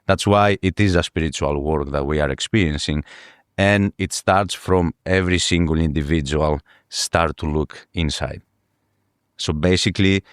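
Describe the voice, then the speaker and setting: A man from Greece, a podcast guest speaking earnestly in a halting way, often repeating words as he searches for them. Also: a bass voice, smooth, no echo, clean studio sound. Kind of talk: podcast interview.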